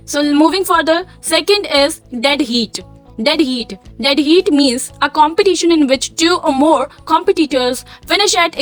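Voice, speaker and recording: High-voiced Indian woman teaching slowly. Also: fairly bright tone. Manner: repeats each word slowly, switching between English and Hindi. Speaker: English vocabulary teacher. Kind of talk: slow dictation-style vocabulary lesson.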